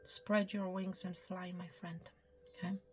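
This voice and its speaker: Fairly low-pitched and a little slow, this female psychic's delivery is flat as she gives a tarot-style spiritual reading to camera with soft music behind her. Still, she sounds soft and reassuring, checking in, whispering at times, and returning again and again to "okay" and "my friend."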